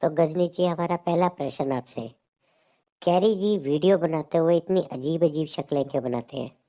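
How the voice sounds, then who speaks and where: A man's voice: a little high, normal speed, mellow. A man hosting a comedy joke channel, telling jokes and playing out comic sketches. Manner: jokey storyteller. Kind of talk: comic skit narration and dialogue.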